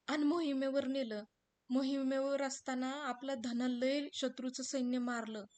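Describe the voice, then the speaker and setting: A woman's voice: high-pitched, darkish tone. A woman voicing a distraught male servant in rural Marathi dialect, stammering and repeating himself. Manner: stammering, breaking into sobs. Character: distraught male servant bringing terrible news.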